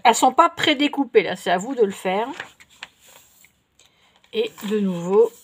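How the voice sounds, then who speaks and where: A woman's voice: medium pitch, animated, a little hiss or hum. Chatty middle-aged woman showing craft paper. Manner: chatty and unhurried, many fillers and self-corrections. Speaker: vlogger showing craft purchases. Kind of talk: casual show-and-tell haul.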